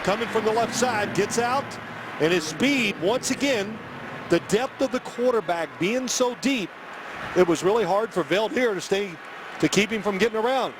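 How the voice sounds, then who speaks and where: Male color analyst, high-pitched, conversational and explanatory live football commentary, heavy background noise. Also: normal speed. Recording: very noisy stadium broadcast.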